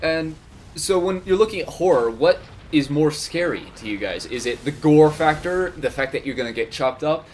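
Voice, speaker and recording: A man's voice: on the high side, animated, normal speed, a little hiss or hum. A man co-hosting a casual podcast chat, leading the talk with rambling questions. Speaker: co-host.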